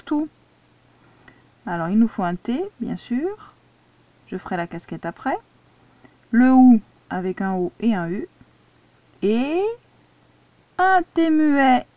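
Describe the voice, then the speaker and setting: A woman's voice: fairly high pitch, warm tone, no room sound. A woman teacher giving a dictation lesson to a child, patiently spelling words out syllable by syllable. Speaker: primary school teacher.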